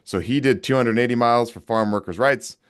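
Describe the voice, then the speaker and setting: A man's voice: medium pitch, fairly quick, clear, resonant tone. A young man talking casually and emphatically as a podcast guest, swearing now and then. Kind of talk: casual conversation.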